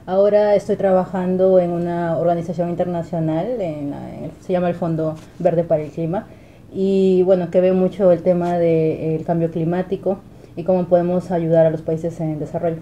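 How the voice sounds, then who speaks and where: A young woman with a Peruvian accent, a relaxed guest with hesitant fillers in a small bedroom. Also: on the low side, normal speed, lo-fi sound, slight background noise. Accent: Peruvian Spanish. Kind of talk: casual conversation. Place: small pink bedroom, indoors.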